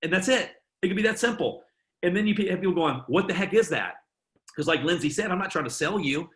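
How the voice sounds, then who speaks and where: A man's voice: high voice, fast talker, fairly bright tone, echoey room. A man leading a sales training session, enthusiastic and punchy, with playful jokes. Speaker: network marketing trainer. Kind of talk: energetic training talk.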